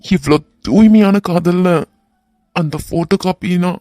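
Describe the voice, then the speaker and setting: A man's voice: high-pitched, unhurried, dark tone, dry recording, clean studio sound. A man voicing an earnest young husband. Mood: earnest musing. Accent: Kanyakumari Tamil. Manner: earnest, bantering. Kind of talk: animated romance voice acting.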